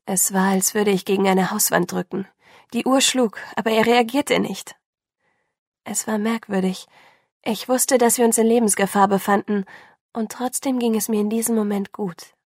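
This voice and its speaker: A woman reads a novel aloud in the first person, her voice gravelly and a little husky. The delivery is intense and breathless, close and dry. It sounds like a focused audiobook reading. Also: medium pitch, fairly even intonation, normal speed, darkish tone, no room sound. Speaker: audiobook narrator.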